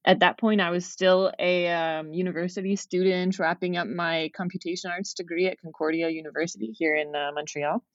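A woman's voice: fairly low pitch, fairly even intonation, fairly quick, hardly any pauses, no echo, muffled recording. A young woman from Kanehsatake, chatting casually as an interview guest and laughing often, with many "like" fillers. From Kanehsatake, Quebec, Canada. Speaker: guest, game developer.

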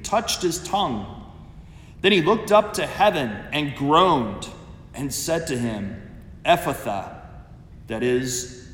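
A man, a priest, reading the Gospel and preaching at Mass in an unhurried, measured way, his voice carried by a cathedral echo. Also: fairly bright tone. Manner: slow, measured delivery. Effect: cathedral echo with long reverb. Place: large church. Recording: echoey church hall, faint rumble.

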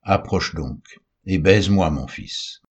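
An old blind father, solemn and questioning as he blesses his son, read by a man. The voice is very deep with a husky edge. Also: slow, exaggerated voice. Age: older.

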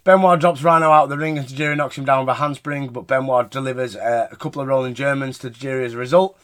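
A man's voice: medium pitch, steady tone, fast, a bit bright. A British man hosting a casual, sweary podcast recap of wrestling in an informal way. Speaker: podcast host reviewing wrestling shows.

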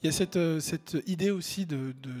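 A man with a slightly high voice hosts an informal music chat. He sounds agreeable and loose, restarting phrases as he builds his point. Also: brisk, darkish tone. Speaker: music show host.

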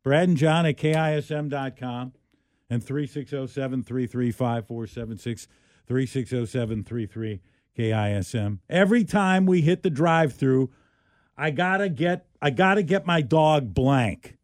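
A man co-hosting a casual morning radio show, chatting quickly and throwing questions at listeners. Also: medium pitch, no room sound, studio quality.

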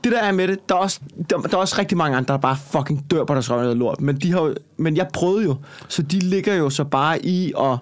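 A man's voice: fairly high pitch, hardly any pauses. A man, a stand-up comedian with a Copenhagen Danish accent, telling a story in casual chat, rambling and swearing as he gets heated.

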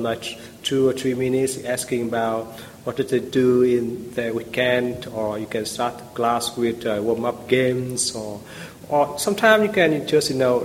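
A man's voice: mid-range voice, long reverb tail, slight background noise, rough recording. A man with a Vietnamese accent, a native Vietnamese speaker, talking as a guest in a podcast interview, hesitant with many fillers and restarts. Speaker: guest, language teacher.

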